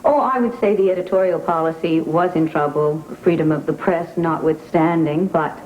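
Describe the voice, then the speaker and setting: An actress playing a scheming, formal rich woman who speaks in measured, slightly haughty phrases, in a 1980s TV soap opera heard from a worn VHS tape copy. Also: low voice, a little mellow. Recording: dull, hissy worn VHS tape audio.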